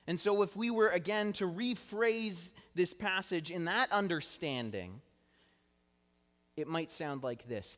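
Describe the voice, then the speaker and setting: Young male preacher, earnest and teaching, slightly high voice, long reverb of a sanctuary. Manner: earnest teaching tone with light self-deprecating humor. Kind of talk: sermon. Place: church sanctuary.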